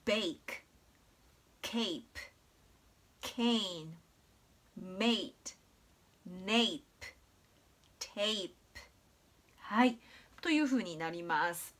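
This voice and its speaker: This is a video lesson where a Japanese woman coaches English pronunciation. Her voice is mid-range, and she stays clear and patient, slowly demonstrating sounds with frequent drawn-out fillers.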